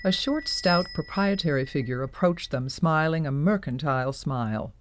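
A woman narrating an audio drama in a measured storytelling manner. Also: low-pitched, background noise.

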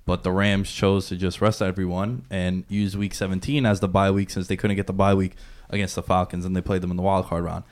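A man's voice: sits low, little pitch movement, brisk. A man giving casual sports analysis as a podcast panelist.

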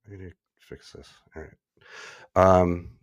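Low-voiced male podcast co-host, dry close sound, rambling and self-mocking. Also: takes it slowly, no echo, dull audio. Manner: rambling, self-deprecating, many fillers. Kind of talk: casual chat. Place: echoey room.

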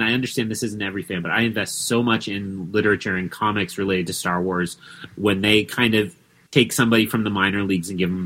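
A man chatting on a podcast as a guest, excitable, with many restarts and fillers. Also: fairly low pitch. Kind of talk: casual podcast chat.

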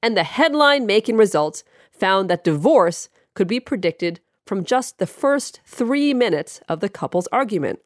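A woman's voice: mid-range voice, expressive, normal speed, dry recording, clean studio sound. A woman hosting a scripted advice podcast in a chatty, playful way, her voice froggy and congested as she gets over a cold. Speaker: podcast host, psychologist.

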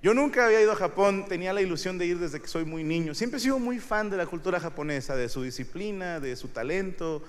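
A middle-aged man with a Mexican accent doing a stand-up comedy monologue, crude, rambling and self-mocking, with sudden loud shouts. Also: high voice, fast talker, hardly any pauses, long reverb tail, soft background music. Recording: noisy live stage recording. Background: audience laughter.

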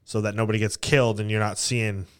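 A man's voice: on the low side, level tone, quick pace, clean tone. A man co-hosting a casual sports podcast, often restarting his sentences and chiming in with short reactions. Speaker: podcast co-host.

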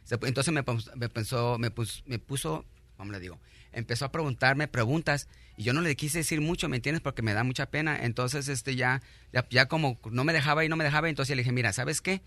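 A middle-aged man, a guest on a radio show, telling his own story in a halting, earnest way, full of restarts and thanks. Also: mid-range voice, fairly bright tone, dry recording.

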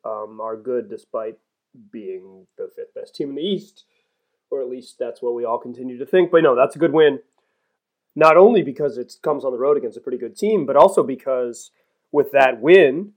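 Guy hosting a basketball podcast, kinda high voice, chatty and self-deprecating. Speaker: podcast host. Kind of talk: sports podcast commentary and ad read.

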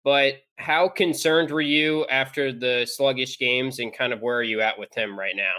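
A man hosts a sports podcast, guiding the conversation with loose, friendly questions. His voice is bright and forward. He sits at a middle pitch. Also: steady tone, moderate pace. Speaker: podcast host. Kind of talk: casual podcast chat.

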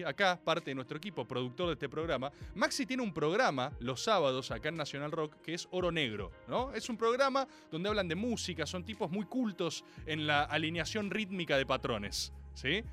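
A man's voice: a little high, very animated, normal speed, hardly any pauses, a bit bright, faint music behind. A man with a Rioplatense accent hosting a radio talk show, ranting in a theatrical, mock-indignant and sarcastic way. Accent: Rioplatense Spanish. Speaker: radio host.

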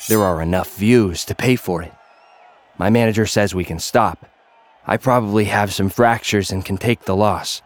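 With prominent music beneath him, a man performs first-person audio fiction as a battered young gladiator influencer telling his own tale. His pitch is fairly low and his speed normal, close to an everyday voice, yet the narration is terse, dramatic and grimly intense. The overall mood is grim and tense.

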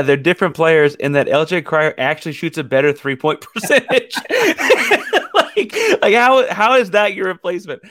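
A man's voice: medium pitch, fairly bright tone, dry recording, studio quality. A man giving casual, discursive sports analysis as a podcast guest in a conversational way.

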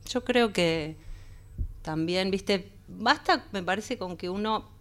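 A woman's voice: medium pitch, takes it slowly, fairly bright tone, clean tone. A woman singer with a Buenos Aires accent, chatting in a rambling way in a radio studio interview, often tagging her sentences. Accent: Buenos Aires Spanish. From Argentina, raised partly in Peru. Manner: chatty, rambling, frequent "viste" tags. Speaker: singer guest. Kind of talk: casual interview chat.

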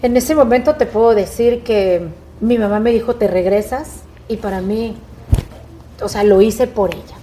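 A middle-aged woman speaks as an interview guest. She tells her story in an animated, expressive way. Her voice sits a little high but sounds dark and mellow. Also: moderate pace, slight background noise. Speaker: guest, businesswoman.

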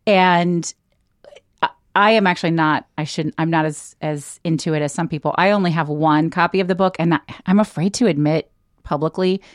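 A woman's voice: sits low, fairly even intonation, normal speed, dry recording, studio quality. Enthusiastic middle-aged woman podcast host. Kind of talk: casual podcast chat.

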